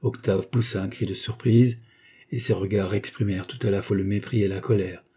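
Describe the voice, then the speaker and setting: A male narrator reads a classic novel with a measured, dramatic delivery. His voice sits low, with a dark, mellow timbre and a husky grain. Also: fairly even intonation. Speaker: audiobook narrator.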